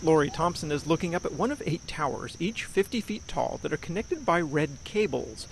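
A man's voice: a little high, lively intonation, brisk, vocal fry, a little hiss or hum, low-quality recording. An American man reporting for radio news, narrating a scripted feature.

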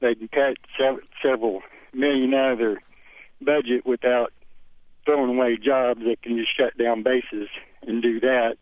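A man calling in to a talk show over a clipped phone line, speaking haltingly with many pauses and ums. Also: medium pitch, steady tone, no echo. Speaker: caller.

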